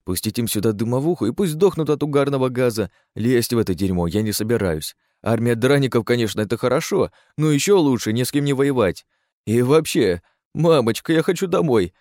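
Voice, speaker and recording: Male audiobook narrator, low voice, dry close sound, sardonic crude first-person telling. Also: a little mellow, dry recording.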